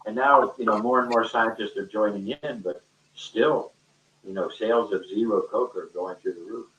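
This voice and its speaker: Speaking at normal speed, this man has a fairly low, somewhat bright voice, with a faint hiss or hum underneath. He's a teacher improvising in an online discussion, loose, chatty and emphatic, over echoey, muffled call audio from a distant mic.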